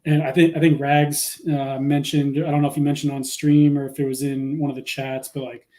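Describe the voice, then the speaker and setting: Mellow, flat-voiced man giving advice. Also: mid-range voice, fairly quick. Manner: earnest, advising, many fillers. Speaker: guest. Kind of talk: casual livestream chat.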